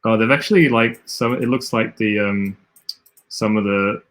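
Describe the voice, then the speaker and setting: A man's voice: fairly low pitch, normal speed, a bit bright. Rambling Australian man streaming a game. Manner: rambling, thinking aloud with frequent self-corrections. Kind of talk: casual livestream commentary while playing.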